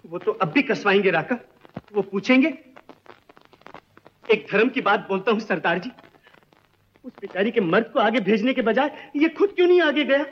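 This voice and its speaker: An actor playing a desperate young village informant who pleads, swears oaths and speaks emotionally, in an old film melodrama. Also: male voice, high-pitched, expressive, normal speed, long pauses. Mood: accusing. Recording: dull old film soundtrack.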